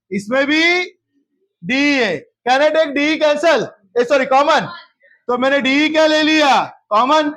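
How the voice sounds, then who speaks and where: A man's voice: extremely high pitch, a bit bright. A male math teacher, lecturing a class in geometry, often repeating questions and checking whether anyone has doubts, and mixing English terms into his speech. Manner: mixes English terms into Hindi.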